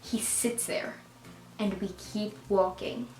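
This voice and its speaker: Animated woman telling a story in a roomy space. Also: medium pitch, takes it slowly. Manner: animated, full of "like" fillers, surging loud when excited. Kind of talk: casual storytime chat. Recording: roomy echo with faint music.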